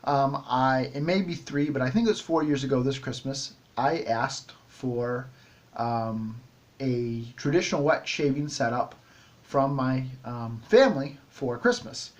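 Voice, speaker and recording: A middle-aged man hosts a shaving vlog, talking casually to the camera with lots of ums and restarts. His voice is medium-pitched and his pace measured.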